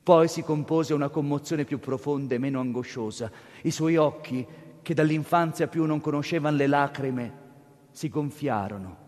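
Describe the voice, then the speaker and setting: A man reads a classic novel aloud with solemn, measured narration. His voice sits a little high, and a long reverb hangs behind it, as if recorded in a large hall. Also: a little mellow. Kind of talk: dramatic reading of a classic novel.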